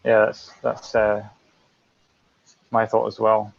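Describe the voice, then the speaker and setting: A man speaking over a video call in a casual technical meeting, halting with many restarts and fillers. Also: lowish voice, completely flat delivery, vocal fry, dry recording. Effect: heard over a video call. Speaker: meeting participant. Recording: dull, lo-fi video call audio.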